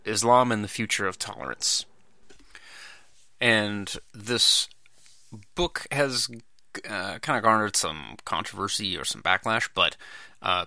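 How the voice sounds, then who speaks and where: Male podcast host, low voice, crisp and clear, dry close mic, rambling casual delivery. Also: bright, forceful tone, dry recording. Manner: loose, rambling, many fillers and restarts. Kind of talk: casual solo commentary.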